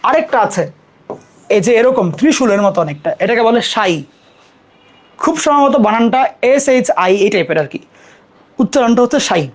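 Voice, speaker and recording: A young adult teacher, giving a casual live math lesson, repeating terms slowly for students to copy and apologizing quickly for mistakes on the board. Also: mid-range voice, lively intonation.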